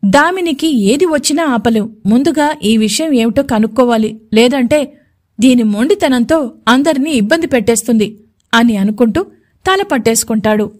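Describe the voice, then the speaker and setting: A woman with a high voice narrates a romantic audio story. Her delivery is steady and expressive in a scripted storytelling manner. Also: moderate pace.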